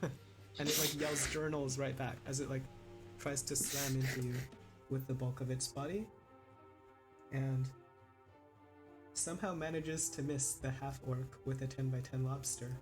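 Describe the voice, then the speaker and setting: A man narrating and ruling as game master of a tabletop game, in a relaxed, easygoing manner. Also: mid-range voice, a little slow, long pauses, music in the background.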